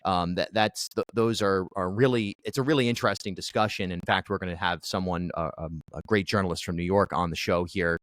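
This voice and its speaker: Low-voiced man host, measured. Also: steady tone, a bit bright. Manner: measured, probing questions. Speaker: radio show host. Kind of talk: interview conversation.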